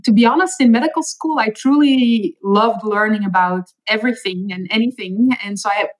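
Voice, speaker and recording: A middle-aged chief medical officer from Belgium, a native Dutch speaker with a Flemish accent, appears as a guest on an interview podcast. She tells her story earnestly and thoughtfully with small fillers, her mid-range voice at a normal speed.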